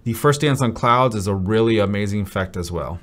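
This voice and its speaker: A man's voice: fairly low pitch, animated, brisk. A man in his thirties, a wedding DJ, talking through a venue's event plan to camera in an upbeat, practical way. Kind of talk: venue overview talk to camera. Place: dim studio set with brick wall.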